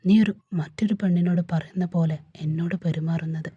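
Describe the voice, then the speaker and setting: A woman's voice: lowish voice, fairly even intonation, brisk, mellow, slightly rough, no room sound, muffled recording. A woman reading a storybook part of a young wife who answers her husband with firm questions. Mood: defiant.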